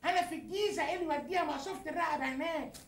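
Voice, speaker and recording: A man's voice: very high voice, rapid-fire, a bit bright. A man putting on a bossy Egyptian mother. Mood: needling. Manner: stubborn, nitpicking, needling. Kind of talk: hidden camera prank.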